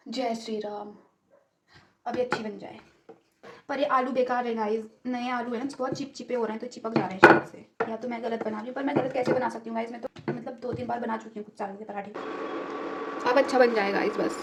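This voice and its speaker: A young woman from India chatting casually to her viewers while she cooks at home, joking about herself and coaxing her cat. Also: noisy background. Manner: chatty, self-mocking, talks to her cat in a high coaxing voice. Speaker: vlogger. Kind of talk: casual home vlog chat. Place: home kitchen.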